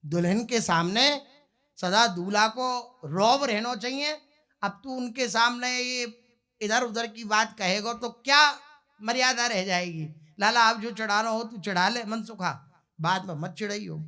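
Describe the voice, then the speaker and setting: Man doing a fond scolding mother, bright high voice, coaxing. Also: measured pace. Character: loving village mother, gently scolding, protective.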